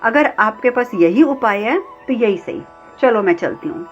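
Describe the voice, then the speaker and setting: A woman's voice: fairly high pitch, lively intonation, measured pace. A woman voicing a firm devout goddess princess. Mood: firm devotion. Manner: resolute, pleading with her father. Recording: slightly dull, faint sitar music.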